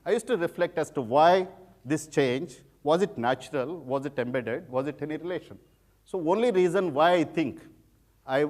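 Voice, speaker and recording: A middle-aged man speaks with a heavy Telugu-accented English. His voice sits a little high for a man, and he talks like a guest speaker sharing personal stories, often repeating phrases for emphasis. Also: darkish tone. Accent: Telugu Indian. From rural village in India. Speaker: guest speaker, former civil servant turned social entrepreneur. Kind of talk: informal public talk with personal anecdotes.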